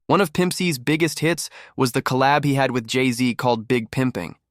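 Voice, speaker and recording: A man's voice: mid-range voice, moderate pace, no room sound, clean studio sound. A man delivering scripted gossip commentary as a narrator.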